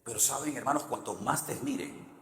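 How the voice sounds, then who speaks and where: A middle-aged man from Spain with a Spanish accent, preaching a sermon as a pastor and telling stories, moving from hushed to loud and high. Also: fairly quick. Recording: echoey hall with long reverb.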